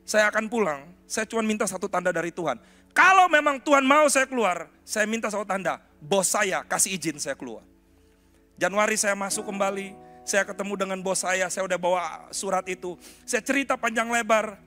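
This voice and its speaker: A middle-aged man preaching a testimony in animated storytelling style, often turning to his congregation. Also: high-pitched, fairly quick, faint music behind. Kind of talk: sermon testimony.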